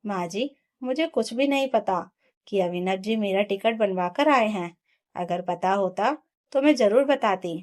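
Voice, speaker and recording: Female narrator doing a wounded young wife, impassioned storybook protest, everyday pitch. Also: animated, a little slow, a little mellow, natural voice. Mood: pleading. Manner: emotional, rising to impassioned protest. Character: young wife, hurt and pleading for her rights.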